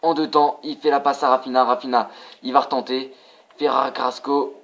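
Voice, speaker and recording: A young man casually commentating his own football video game for viewers, excitable and prone to swearing. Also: medium pitch, moderate pace, gravelly. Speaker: gaming channel host.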